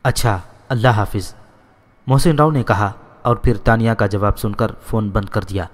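A man narrating a novel in a steady, even storytelling manner. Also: fairly low pitch, long reverb tail.

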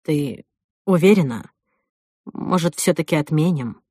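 A woman reading an audiobook voices a shaken young groom, speaking low and haltingly. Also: animated, dark tone, breathy edge, no room sound, studio quality, heavily acted. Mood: worried. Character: shaken young groom, guilt-ridden and soft-spoken.

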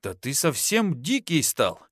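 A male audiobook narrator puts on an earthy young peasant wife who teases and is quick to scold, in a raised, lively, somewhat high and exaggerated voice. Her folksy speech rises and falls, recorded close and dry with no echo.

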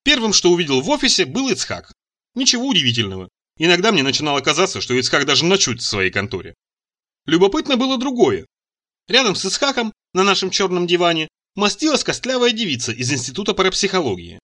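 Lively bright male audiobook narrator. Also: high voice, quick pace. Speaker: audiobook reader. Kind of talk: first-person audiobook narration.

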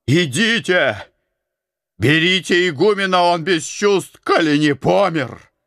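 A man voicing an angry, burly male monastery steward who shouts in alarm at a raised pitch. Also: animated, slow pace, no room sound, clean studio sound, exaggerated voice. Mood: urgent.

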